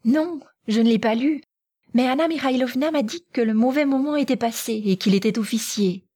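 Woman doing an excitable teenage girl, high. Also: moderate pace, breathy edge. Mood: excited. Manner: eager, pleading, excitable. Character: impulsive lively teenage girl. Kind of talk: audiobook character voice.

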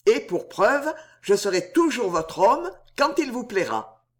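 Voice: mid-range voice, very animated, unhurried, voice pushed up. A reader voicing a proud, gallant young male knight in a swashbuckling audiobook, answering with cool hauteur. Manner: proud and mocking in reply.

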